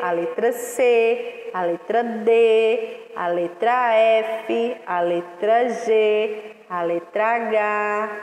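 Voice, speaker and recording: A woman teaching an online class to young children, sounding out syllables slowly and patiently. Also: fairly high pitch, darkish tone. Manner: slow, drawn-out syllables, patient and instructive. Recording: echoey room with long reverb.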